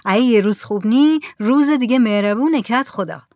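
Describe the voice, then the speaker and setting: A woman's voice: fairly high pitch, darkish tone, no room sound, clean studio sound, close to an everyday voice. A woman reading aloud, voicing a fisherman who is hesitant and polite.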